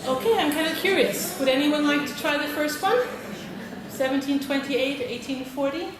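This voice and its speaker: Her voice is high and her speed normal: a British teacher trainer giving a friendly talk at a conference, polling the crowd and repeating "okay." She's in a large hall, recorded through a distant mic with echo and noise.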